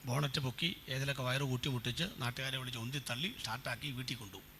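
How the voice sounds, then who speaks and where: A man preaching as a pastor, animated, firing questions at his congregation during a sermon. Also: medium pitch, rapid-fire, slight background noise. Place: church.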